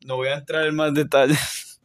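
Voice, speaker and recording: A young man, co-hosting a casual podcast in a relaxed way and often hedging with filler words. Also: a little high, moderate pace, no echo, studio quality. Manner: relaxed, hedging with frequent "pues". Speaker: podcast co-host.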